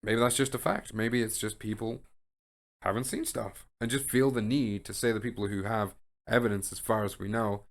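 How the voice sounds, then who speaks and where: A man's voice: lowish voice, steady tone, moderate pace, gravelly. A man hosting a casual podcast, musing aloud in a rambling, speculative way with frequent restarts and fillers. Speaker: podcast host. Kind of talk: casual chat.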